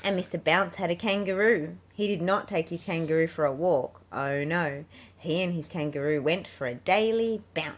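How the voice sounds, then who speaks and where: A woman who hosts a channel reads a picture book aloud to children as a storybook narrator. Her voice is lowish and moves at a moderate pace, and the home recording is clearly noisy.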